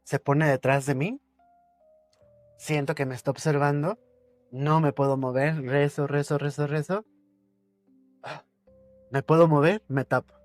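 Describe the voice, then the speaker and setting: A man, appearing as a podcast guest, tells a personal ghost story at a measured pace with fairly even intonation and long pauses, faint music playing behind him. He builds suspense by repeating words for effect and dropping his voice low.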